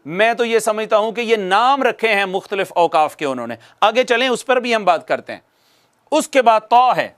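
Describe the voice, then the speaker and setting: A man with a notably high voice teaches Quran recitation in a video lesson. He speaks patiently to his viewers and repeats key phrases for emphasis. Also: a bit bright. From Pakistan.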